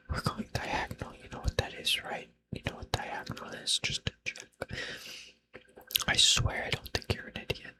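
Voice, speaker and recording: A man doing an unscripted ASMR whispered role-play, rambling playfully in a breathy, unvoiced whisper and repeating short phrases over and over. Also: fairly bright tone, rough recording. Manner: playful, self-deprecating, teasing.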